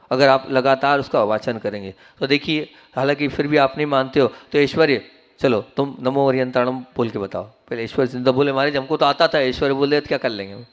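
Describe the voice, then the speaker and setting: A man with a fairly high voice delivers a sermon as a monk. He teaches earnestly and tells the listeners to pay attention. He moves between soft, low phrases and raised, emphatic ones. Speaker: Jain monk preacher.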